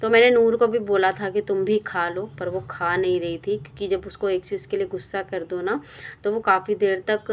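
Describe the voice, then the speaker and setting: A young woman vlogger and housewife chatting casually and quickly while narrating her home routine. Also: medium pitch. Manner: chatty, fast-talking.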